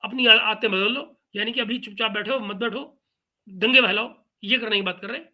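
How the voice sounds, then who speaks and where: Bright-voiced, mocking male commentary host. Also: high voice, fairly even intonation, normal speed. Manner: mocking, sarcastic. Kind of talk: reaction commentary.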